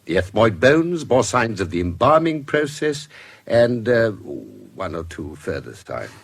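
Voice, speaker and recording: An actor playing a shrewd English doctor and investigator in a British radio drama, speaking in a precise, deliberate, formal way. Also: male voice, lowish voice, sing-song, vocal fry, slightly rough, dry recording, exaggerated voice. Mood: explanatory.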